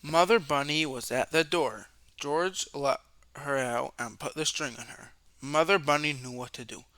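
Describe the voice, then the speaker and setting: For young listeners, a man narrates a storybook expressively, drawing out words and turning questions dramatic. His pitch is on the high side, and the recording is dry.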